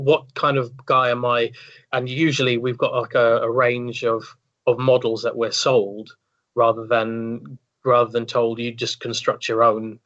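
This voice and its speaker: A man's voice: mid-range voice, a bit bright. A man talking as a podcast guest, wordy and thoughtful, often repeating words as he thinks. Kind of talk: casual podcast chat. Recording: dull lo-fi sound.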